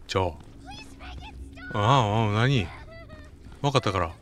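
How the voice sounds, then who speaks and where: A man with a Kansai accent giving casual running commentary while playing a game, often telling a character to be quiet. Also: lowish voice, animated, slow pace. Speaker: game streamer. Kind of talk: casual let's-play commentary.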